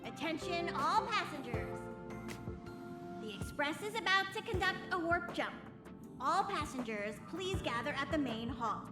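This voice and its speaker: A squeaky train-conductor creature over a loudspeaker. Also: female voice, expressive. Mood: announcing. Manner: slow, drawn-out announcing. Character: tiny high-voiced male creature conductor of a space train. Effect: announcement over the train's loudspeaker. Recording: echoey game audio with music. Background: game music.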